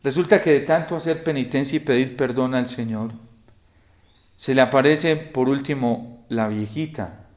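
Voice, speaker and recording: A male priest preaching a homily in a storytelling manner, often falling to a quiet hush. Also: mid-range voice, normal speed. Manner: storytelling, drops to a soft hush in quoted lines.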